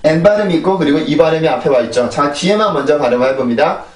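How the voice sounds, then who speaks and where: A man's voice: a little high, lively intonation, fast talker, slight background noise. A man teaching English pronunciation, explaining step by step and repeating drill words three times. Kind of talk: pronunciation lesson. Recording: echoey room, voice a bit far from mic.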